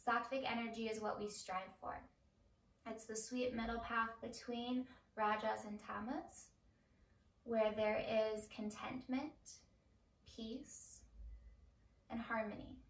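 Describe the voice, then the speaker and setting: A middle-aged woman leads a yoga class in a slightly high voice. Her delivery is measured and calming, with unhurried instructions. The sound is roomy, picked up by a microphone a little way off. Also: far from the mic. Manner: slow, measured, calming guidance. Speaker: yoga teacher. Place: indoor home room, on a mat.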